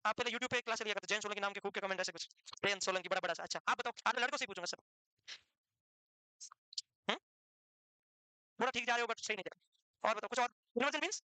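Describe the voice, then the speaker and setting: Fast, high-voiced, teasing male lecturer. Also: sharp tone, clear, resonant tone, no echo. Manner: teasing, fires questions at students. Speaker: nursing lecturer. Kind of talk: live classroom lecture. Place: classroom with students.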